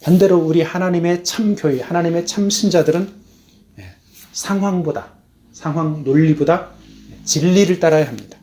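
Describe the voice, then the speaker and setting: Preaching as a missionary, this man speaks with emphasis in a mellow, measured voice. Key words rise in pitch before his voice falls low, and he slows his delivery to stress points.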